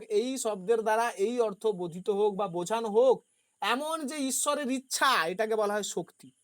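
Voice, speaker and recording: A woman's voice: on the high side, dry recording, studio quality. Woman teaching, quizzing herself aloud. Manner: poses questions and answers them herself; explains with everyday examples. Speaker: philosophy teacher. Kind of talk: exam-prep lecture.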